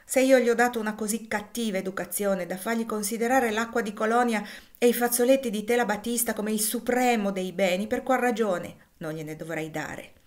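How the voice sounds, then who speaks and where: A woman reading aloud and voicing an easygoing, witty gentleman with a drawling, teasing manner. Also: a little high, fairly quick, pitched above the performer's own voice, natural voice. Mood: wry.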